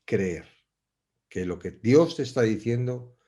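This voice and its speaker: A man from leads a relaxed Bible study, thinking aloud as he goes. He circles back on his phrases and restarts sentences while he searches for the right word. His voice sits at an ordinary middle pitch for a man. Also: slow pace. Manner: reflective, searching for words, frequent restarts. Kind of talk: conversational Bible teaching.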